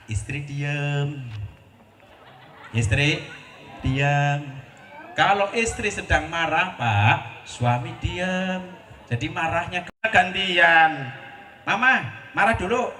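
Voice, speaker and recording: A man's voice: high voice, pushed and bright. A man preaching a comic sermon with a Central Javanese ngapak accent, playfully acting out husband and wife exchanges. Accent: Central Javanese Banyumasan (ngapak). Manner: jokey, acts out couples' dialogues, frequent laughter. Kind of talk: comic sermon at a religious celebration. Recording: echoey, from a distance, faint ambient noise.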